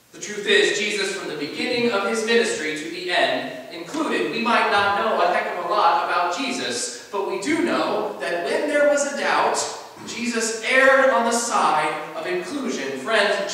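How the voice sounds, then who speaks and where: Pastor, male, measured sermon delivery that swells and fades; bright tone, long church reverb. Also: high voice. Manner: measured preaching, rising on key phrases and dropping soft at line ends. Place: large church sanctuary. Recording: echoey church from far off, faint hiss.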